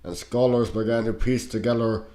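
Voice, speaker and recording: A man with a congested, stuffy-nosed voice, sick with a cold, reading scripted educational narration aloud in a measured, deliberate way. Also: lowish voice, fairly even intonation, warm tone. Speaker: narrator reading on-screen educational game text.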